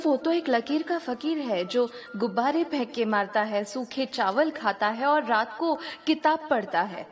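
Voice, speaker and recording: Actress voicing a restless young woman in a dubbed drama, high bright voice, sharp-tongued and fed up. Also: close to an everyday voice. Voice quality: scolding, exasperated.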